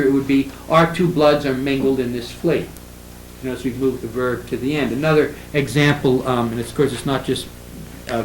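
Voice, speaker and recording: An older man giving a classroom lecture on poetry, halting with fillers and restarts, reading verse lines slowly with heavy stress. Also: mid-range voice. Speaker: literature professor. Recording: echoey room with faint ambient noise.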